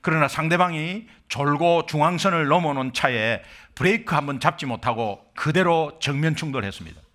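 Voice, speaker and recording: A man's voice: a little high, fairly quick, fairly bright tone. A middle-aged man from Korea, a pastor preaching an impassioned sermon full of rhetorical questions.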